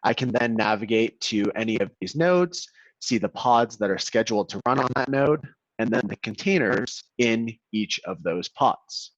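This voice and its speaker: A man presenting a software walkthrough in a webinar, explaining steadily while his call audio keeps cutting out and breaking up. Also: fairly low pitch, expressive, normal speed, no echo. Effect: choppy, cutting-out call audio. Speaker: product demo presenter. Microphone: video call. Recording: dull, dry, glitchy call audio.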